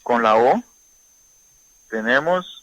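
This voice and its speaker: A man teaching a vocabulary lesson, saying each word slowly and repeating it for pronunciation drill. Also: mid-range voice, animated, a bit bright, no room sound, lo-fi sound. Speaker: language teacher.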